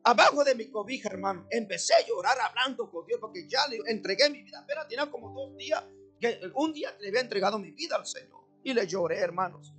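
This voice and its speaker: Man, high pitch, earnest church testimony, light music underneath. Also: lively intonation, quick pace, fairly bright tone, breathy edge. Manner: earnest, addresses listeners as brothers and sisters. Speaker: church member giving testimony. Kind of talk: emotional personal testimony.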